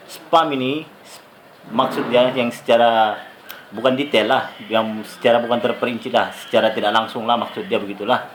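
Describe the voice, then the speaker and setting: A YouTuber from Sabah with a Sabah Malay accent rambles casually to his channel viewers, chatty and full of fillers. His voice is mid-range and a bit bright, and the poor audio has slight background noise.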